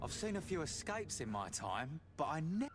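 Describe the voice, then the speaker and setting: An actor playing a wry, sardonic jailed smuggler who bargains, in a video game. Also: male voice, fairly high pitch, very animated, normal speed. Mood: scornful. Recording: music behind the dialogue.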